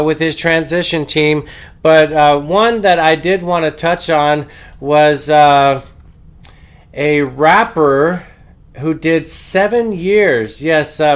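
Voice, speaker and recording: A man delivers opinionated news commentary as the host of his show. His voice is clean and smooth though congested with a head cold, and he takes his time, halting on long uhs. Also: a little high.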